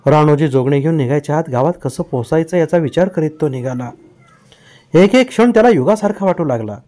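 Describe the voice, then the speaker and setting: A man's voice: fairly high pitch, lively intonation, fairly quick, dark tone. A man reading a novel aloud as an audiobook, narrating with vivid storytelling. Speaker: audiobook reader.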